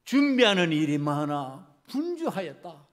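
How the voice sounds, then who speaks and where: Guy pastor preaching, swings loud to quiet, super lively up and down. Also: on the high side, unhurried. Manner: preaching with dramatic shifts in volume, acting out biblical characters. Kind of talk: sermon. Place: church sanctuary.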